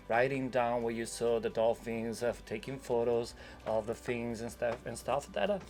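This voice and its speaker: Male sailor as interview guest, creaky voice, informal reflective talk with light music underneath. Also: mid-range voice, darkish tone. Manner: philosophical, rambling, informal.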